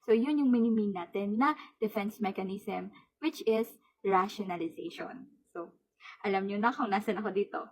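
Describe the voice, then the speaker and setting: Husky-voiced young woman reviewing lessons. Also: medium pitch, normal speed, rough recording. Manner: switches between Tagalog and English, keeps checking in with "okay?". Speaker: registered social worker reviewing for board exam. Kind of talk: board exam review lesson.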